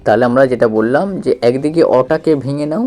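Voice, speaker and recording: A man's voice: mid-range voice, quick pace, mellow, soft background music. A man gives a reading lesson for children. He spells out letters, repeats syllables and asks the listener questions. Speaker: teacher.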